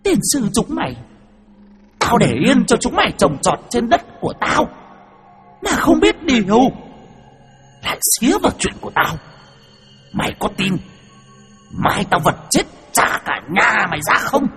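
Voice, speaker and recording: A shrill, hissing spirit, its high husky voice wheeling through threats and ending in cackles. Faint music plays behind it. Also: male voice, big pitch swings, a little slow, long pauses, a bit bright, big-room sound, full character voice. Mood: menacing. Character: vengeful shrieking spirit possessing a boy.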